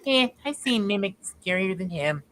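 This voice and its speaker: A woman playing a tabletop game, teasing and quick with banter. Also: medium pitch, lively intonation, noisy background. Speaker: player. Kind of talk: casual game chat.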